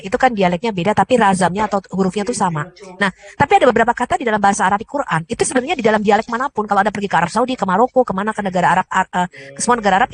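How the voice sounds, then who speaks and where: Quick-talking woman moderating. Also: medium pitch. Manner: brisk, asks pointed questions. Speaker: host and interpreter. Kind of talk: moderating a discussion.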